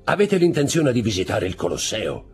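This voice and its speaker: A man's voice: lowish voice, wildly swooping pitch, normal speed, vocal fry, a little mellow, faint music behind, pitched above the performer's own voice, exaggerated voice. A man voicing an obsequious Roman innkeeper in an audiobook reading, deferential and warning.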